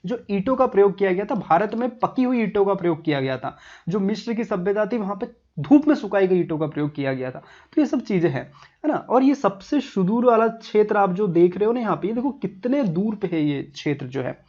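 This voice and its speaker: A man's voice: high-pitched, animated, brisk, darkish tone, highs cut off. A man teaching a history lesson over a map, in a casual, chatty way, talking straight to the viewer.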